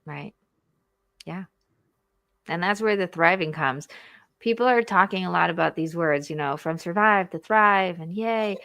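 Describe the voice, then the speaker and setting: A woman hosting a live interview in a casual, animated way, acting out inner voices as she talks. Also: on the low side, measured pace, vocal fry, pauses often, no echo, clean studio sound. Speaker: show host, marriage coach.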